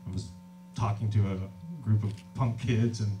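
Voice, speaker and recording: Between songs at a cramped little club, a thirtyish man who writes and sings his own material and owns a label talks warmly and casually, self-deprecating and quick to laugh. His voice is lowish and a bit slow, with background noise around it. Recorded at a distance from the audience via a stage vocal mic on a stand, it carries acoustic guitar and crowd sounds.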